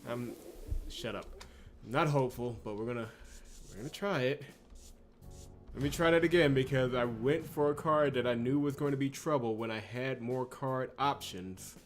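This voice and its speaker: Soft music plays behind a man speaking at normal speed in a medium-pitched voice. As host of a visual novel playthrough channel, he offers casual gameplay commentary, sounding exasperated and grumbling.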